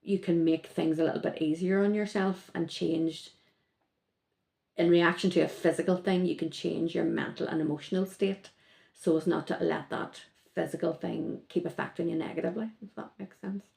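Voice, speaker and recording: A woman appears as a podcast guest, talking casually in a lowish voice at normal speed with vocal fry. She rambles and corrects herself in a lively way, and the sound feels roomy.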